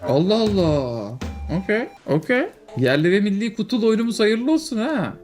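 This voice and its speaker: A streamer whose voice sits a little high for a man gives loose, casual commentary on a game, with faint music underneath. He is excitable and joking, quick to exclaim and swear freely whenever things go wrong.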